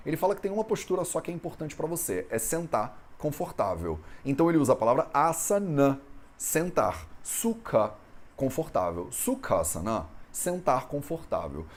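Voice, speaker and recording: A man's voice: mid-range voice, sing-song, moderate pace. A man from Brazil teaching an Ayurveda lesson in a conversational way, often ending phrases with a questioning tag. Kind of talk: explanatory lesson on Sanskrit texts.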